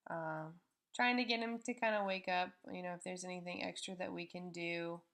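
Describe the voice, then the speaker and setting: A woman's voice: fairly low pitch, fairly even intonation, normal speed, a bit bright. Woman explaining a veterinary procedure, informal. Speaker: veterinary staff narrating a procedure. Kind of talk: explanatory live demonstration commentary.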